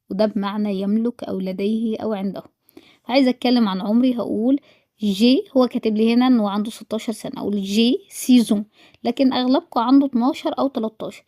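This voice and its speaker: A woman with an Egyptian Arabic accent gives a quick-paced French lesson, repeating each phrase and then translating it. Her voice sits a little high but has a warm, mellow tone. The recording is dry and close. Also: dry recording. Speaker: French teacher. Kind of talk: recorded lesson for school pupils.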